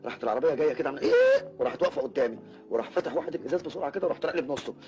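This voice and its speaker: Fast-talking Egyptian joker, an actor playing him. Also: male voice, mid-range voice, muffled recording, natural voice. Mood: joking. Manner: animated comic storytelling, laughs at own jokes. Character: boastful joker young man, loves to clown. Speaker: joking friend telling a story.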